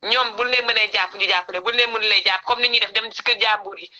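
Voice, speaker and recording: Senegalese caller, woman, on speakerphone, sharp tense voice, insistent and repetitive. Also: medium pitch, steady tone, fast. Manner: insistent, repeats phrases for emphasis. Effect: phone call played over a speakerphone. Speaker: caller on a live stream. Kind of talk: impassioned political call-in.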